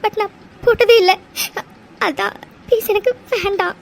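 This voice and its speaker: A woman voicing a tearful young woman from a children's home in a cartoon love story, crying and answering in halting phrases. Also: very high-pitched, slight background noise. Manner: halting, hesitant replies. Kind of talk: cartoon voice acting.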